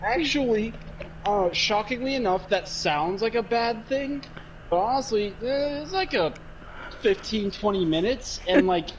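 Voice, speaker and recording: A man's voice: high-pitched, lively intonation, unhurried, lo-fi sound, slight background noise. A young man co-hosting a podcast, chatting casually, rambling, swearing and laughing often. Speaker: podcast co-host. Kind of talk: casual chat.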